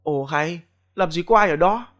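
A man's voice: a little high, normal speed, fairly bright tone, soft background music, pitched above the performer's own voice, natural voice. A man voicing an older grandmother with a fussy, scolding manner.

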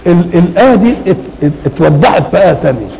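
An older man with an Egyptian Arabic accent, explaining Quranic verses in a conversational lecture, asking questions and answering them himself, slowing down to recite. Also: high-pitched, animated, gravelly, mellow, slight background noise, low-quality recording. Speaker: Quran commentator. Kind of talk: colloquial Quranic exegesis lecture.

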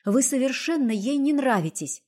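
A woman's voice: sits high, lively intonation, moderate pace, darkish tone, pitched above the performer's own voice. A woman voicing an emotional young noblewoman who stays dignified through tears. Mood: tearful firm. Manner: tearful yet dignified.

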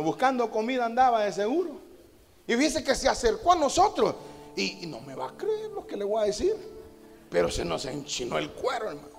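A man preaching at a pulpit in a strikingly high, gravelly voice. He tells stories and keeps calling his listeners brother, then builds to loud shouted peaks. The sermon rings in a reverberant church hall with faint music underneath. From Honduras. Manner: storytelling, repeats "hermano" and "amados hermanos" as refrains.

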